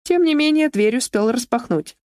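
A woman reading an audiobook aloud in an expressive storytelling manner. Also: moderate pace, dry recording, studio quality. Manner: expressive, shifting into shrill character voices. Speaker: audiobook narrator. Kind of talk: scripted narration.

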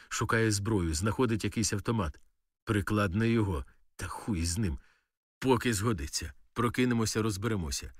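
A man narrating an audiobook in a steady, matter-of-fact storytelling manner. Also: fairly low pitch, no room sound, studio quality, distant mic. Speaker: audiobook reader. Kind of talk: audiobook narration of a war novel.

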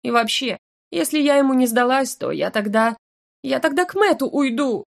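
A woman's voice: high-pitched, expressive, normal speed, vocal fry, pitched above the performer's own voice. Audiobook: tearful, huffy young woman student, a woman reader puts her on. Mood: indignant. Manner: sobbing, indignant outbursts. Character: tearful young female magic-academy student.

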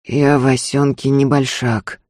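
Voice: medium pitch, normal speed, a little mellow, no echo, clean studio sound, close to an everyday voice. A reader voicing a restrained, grumbling middle-aged peasant husband in an audiobook. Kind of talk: audiobook character voice.

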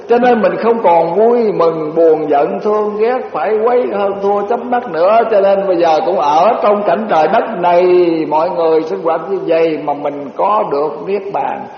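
An older man, a Buddhist monk, giving a slow dharma talk, telling stories and reciting verses. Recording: echoey hall, dull low-fi recording with faint hiss.

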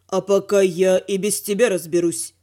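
A woman's voice: medium pitch, fairly even intonation, normal speed, mellow, pitched below the performer's own voice, close to an everyday voice. A woman voicing a firm, protective elder male dragon heir in an audiobook, speaking coldly and with command.

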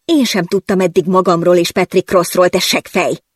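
An audiobook narrator reading a first-person novel in a lively, wry storytelling manner. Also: mid-range voice, husky, dry recording, clean studio sound.

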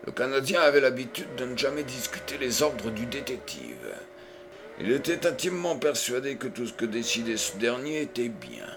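A man reading a novel aloud as an audiobook, with a measured, dramatic delivery. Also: mid-range voice, big pitch swings, over music. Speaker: audiobook reader. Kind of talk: scripted narration.

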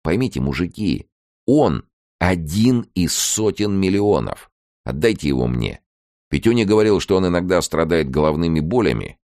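A man's voice: deep voice, big pitch swings, normal speed, darkish tone, no room sound, studio quality, pitched above the performer's own voice. A man doing an eager, persuasive professor. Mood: pleading. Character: earnest male professor, a doctor.

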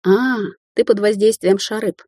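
A woman's voice: medium pitch, fairly even intonation, normal speed, darkish tone, no room sound, clean studio sound, pitched above the performer's own voice, close to an everyday voice. A woman reading voices an alarmed young man in a respirator, speaking urgently and commandingly in an audiobook.

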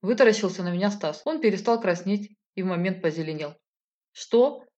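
A woman narrating a first-person novel in a lively, expressive way. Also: fairly low pitch, fast talker. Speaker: audiobook narrator. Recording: slightly dull lo-fi audio.

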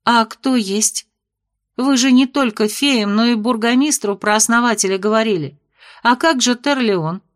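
A woman's voice: fairly high pitch, moderate pace, close to an everyday voice. A woman voicing an anxious, grumbling young female student, in an audiobook reading.

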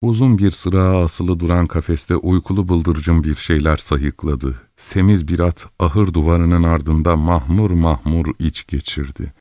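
A man narrating a literary audiobook in a measured, descriptive manner. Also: deep voice, steady tone, warm tone, no room sound, studio quality.

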